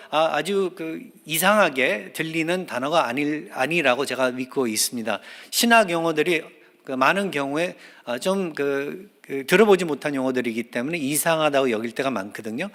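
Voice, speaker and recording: A male pastor preaching a sermon in earnest, hesitant speech, filling pauses with drawn-out "ah" and "uh" and repeating key phrases for emphasis. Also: on the high side, a bit bright. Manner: hesitant, with many drawn-out "ah" and "uh" fillers. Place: church sanctuary. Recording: long church hall reverb.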